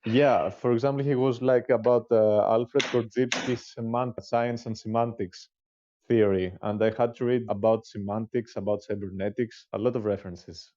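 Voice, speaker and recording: A man's voice: medium pitch, fairly even intonation, moderate pace, warm tone. Thoughtful man on muffled call audio. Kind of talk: casual chat.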